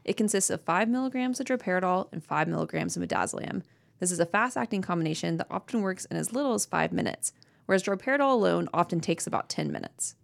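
A woman's voice: fairly low pitch, lively intonation, quick pace, gravelly. A woman hosting a medical podcast, presenting scripted educational material in an upbeat corporate training video manner.

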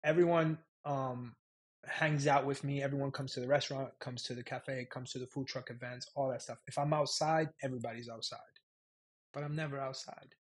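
A man's voice: medium pitch, fairly even intonation, fairly quick, husky. A middle-aged man, a chef and restaurant owner, speaking frankly and sarcastically as a podcast guest, often repeating himself and laughing. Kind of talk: candid conversational interview.

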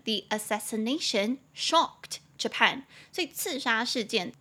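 A woman's voice: a little high, sharp tone. Playful chatty woman teaching English. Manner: playful and chatty, spells words out slowly. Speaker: English teacher and podcast host. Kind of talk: casual podcast English lesson.

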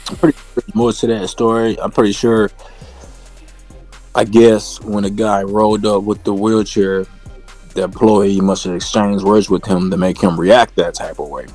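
Male co-host, low voice, rambling casual sports chat with faint music underneath. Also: steady tone, normal speed, darkish tone. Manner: rambling, leans on "you know" and "like I said".

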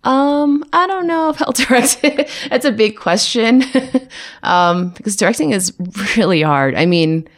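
Her voice fairly high, expressive and unhurried, a tired American-raised production designer talks in a casual interview, often laughing and full of fillers and restarts.

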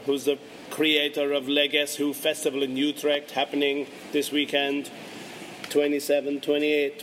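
Male music podcast host, casual radio-style chat, slangy and easygoing, slightly raised pitch, some ambient noise.

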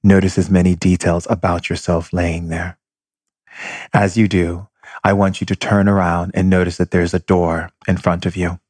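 A man leading a guided meditation with slow, calm instructions. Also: low voice, husky, no echo, studio quality.

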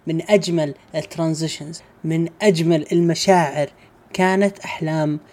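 A woman's voice: sits low, fairly even intonation, a little fast, darkish tone. A woman reviewing a video game in casual chat, speaking emphatically and piling up repeated phrases. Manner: emphatic, listing with repetition.

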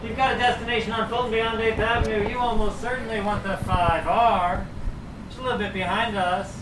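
A man's voice: high-pitched, fairly even intonation, brisk. A man making a professional stop announcement to passengers on board a crowded bus. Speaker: transit announcer. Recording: echoey, distant, noisy bus interior. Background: vehicle noise.

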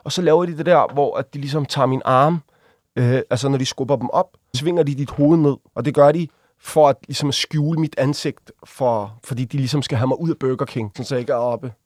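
A man, a guest on an interview, telling a personal story casually, with halting restarts and vivid acted-out quotes. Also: medium pitch, darkish tone, no room sound. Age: adult. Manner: vivid, acts out quoted voices while retelling.

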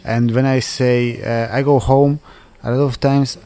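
A man from Switzerland in his thirties, answering interview questions in halting non-native English full of fillers and restarts. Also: mid-range voice, level tone, dark tone. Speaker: interviewee, footballer.

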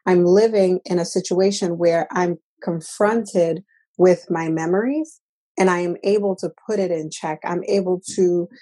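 A woman from the Dominican Republic talks as an interview guest, reflective and earnest, circling back over her words. Her voice sits a little low, with a mellow, darker tone and a husky, breathy edge. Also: fairly even intonation, a little slow. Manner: reflective, earnest, with many restarts. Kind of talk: personal interview.

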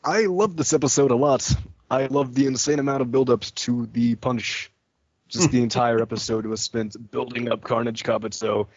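A man with a mid-pitched voice gives an enthusiastic, casual review among friends. The sound is dry and a little dull, and he swears offhandedly. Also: steady tone, normal speed, darkish tone, breathy edge, no room sound.

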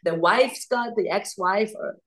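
A woman from Italy, an actress talking as an interview guest, thoughtful and animated, often searching for words. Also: mid-range voice, measured pace. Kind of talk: casual interview chat.

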